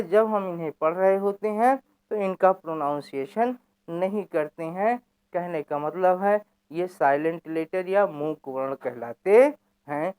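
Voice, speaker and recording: Slow, clear-voiced woman teacher. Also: lowish voice, darkish tone. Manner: repeats questions and answers them herself. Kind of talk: explanatory lesson.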